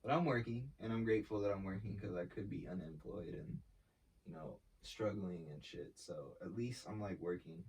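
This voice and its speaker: A young man, an artist who founded a brand, speaks in a low, darkish voice at a moderate pace. His casual interview talk is slangy and laid-back, with plenty of fillers and swearing, heard from a distance off the mic.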